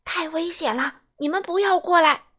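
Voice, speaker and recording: A woman's voice: very high-pitched, moderate pace, fairly bright tone, pitched above the performer's own voice. A woman voicing a big, loving father T. rex in a storybook. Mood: tender. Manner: soothing, fond.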